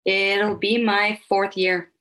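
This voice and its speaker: A woman from Nova Scotia, a hypnotherapist guest on a podcast, explaining her work in a calm, earnest way. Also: mid-range voice, takes it slowly, low-quality recording. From Halifax, Nova Scotia, Canada. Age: adult with children. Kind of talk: podcast interview.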